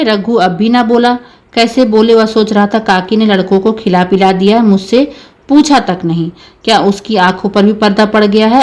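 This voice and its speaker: A woman teacher reading a short story aloud in a steady storytelling way. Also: medium pitch.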